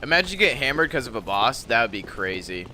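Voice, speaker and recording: Animated man casually commentating a game. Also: medium pitch, fast talker, slight background noise. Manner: casual, profane. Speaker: video game streamer.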